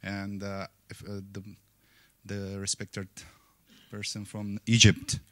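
A man's voice: on the low side, monotone, takes it slowly, pushed and bright. A young man from Afghanistan, a student, asks a panel questions into a handheld mic in a conference hall, hesitating with many fillers. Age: young adult. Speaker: student asking questions from the audience. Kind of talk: audience question.

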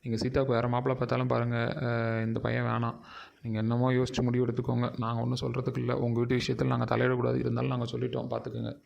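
Man playing a hesitant, gravelly father. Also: medium pitch, very fast. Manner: calm, hesitant. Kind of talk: comedy skit acting. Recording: dull lo-fi sound.

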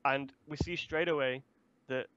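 A man rambles through a casual review chat and swears now and then. His voice sits at a middling pitch. The recording is dull and lo-fi. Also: steady tone, measured pace, a bit bright, slight background noise. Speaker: co-host of manga review.

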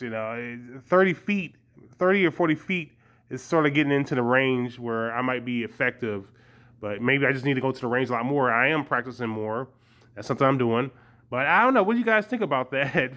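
A man's voice: medium pitch, a bit bright. A man, a young adult, chatting casually to his viewers in a rambling, hesitant way with frequent chuckles. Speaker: vlogger.

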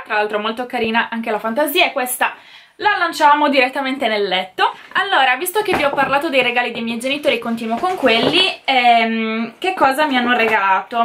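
A woman's voice: high-pitched, sharp tone, a little hiss or hum. A young woman speaking to camera in a casual, enthusiastic chat about the Christmas gifts she got, gushing as she shows each one. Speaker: beauty vlogger.

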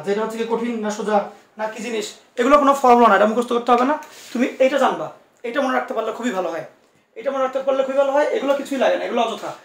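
A man's voice: extremely high pitch, vocal fry, a bit bright, echoey room, distant mic. A man teaching physics in an online class, reassuring his students and coaxing answers out of them with many asides.

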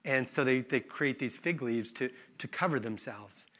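A man's voice: mid-range voice, a bit bright. A man in his fifties, a visiting pastor, preaching a conversational sermon in a church, often restarting words and laughing at himself. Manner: conversational, self-correcting, with quick laughs. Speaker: guest pastor. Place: church sanctuary.

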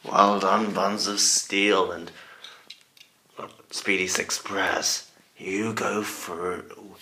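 A man's voice: low-pitched, level tone, very slow, pushed and bright. A man commentating a toy car race in a put-on scary Halloween voice, calling out bursts at each start.

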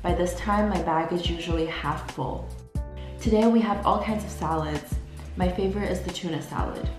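A woman's voice: fairly low pitch, normal speed, reverberant, music in the background. A young woman in her twenties chatting casually to camera in an upbeat vlog, laughing often. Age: 20s. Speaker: vlogger. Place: small indoor room.

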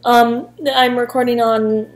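Young woman vlogger, high voice, chatty and giggly, laptop mic at home. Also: little pitch movement, takes it slowly, faint music behind. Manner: chatty, giggly, lots of fillers. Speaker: YouTuber. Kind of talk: casual reaction vlog. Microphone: laptop built-in mic.

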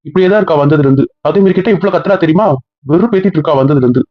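A young man in casual couple banter, scolding and teasing with rapid-fire questions. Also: fairly high pitch, dry recording. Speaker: husband in a couple vlog skit. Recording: dull, dry lo-fi audio.

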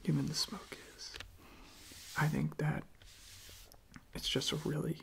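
A young adult ASMR host whispers softly and gently close to the mic, halting and repeating words. The mid-range voice is gravelly yet very animated.

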